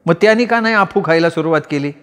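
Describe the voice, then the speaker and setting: A bold, sharp-tongued village woman answers back in a high, lively voice, as a man reads her in a storybook. She talks quickly and fiercely, and a long reverb trails her words. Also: natural voice. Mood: teasing. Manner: raised, lively pitch, scolding and quick.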